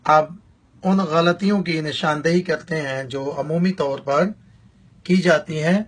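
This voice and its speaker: A man teaching a recitation lesson, chanting verses slowly and drawn out, then explaining pronunciation briskly. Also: a little high, steady tone. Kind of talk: tajweed lesson with slow recitation.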